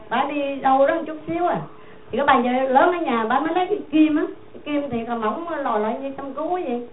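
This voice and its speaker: High-voiced Southern Vietnamese woman telling a tale. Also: slight background noise. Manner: rambling, repetitive, conversational. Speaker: storyteller addressing listeners. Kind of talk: Buddhist moral tale told aloud. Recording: tinny phone-like sound in an echoey room.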